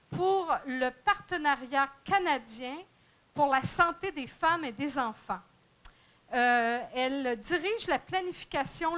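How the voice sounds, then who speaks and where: A woman's voice: sits high, a bit bright. A woman moderating a conference panel, introducing speakers with many fillers and restarts. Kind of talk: bilingual conference panel hosting. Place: conference room.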